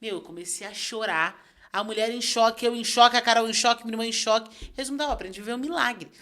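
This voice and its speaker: Brief: brisk female host from Brazil, lively storyteller in casual interview chat. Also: fairly high pitch. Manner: animated, emotional storyteller. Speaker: podcast host.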